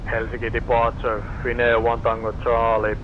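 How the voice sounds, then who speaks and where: A man's voice: medium pitch, monotone, moderate pace. A man speaking as an airline pilot, giving brief readbacks over an aircraft radio. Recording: muffled, noisy aircraft radio.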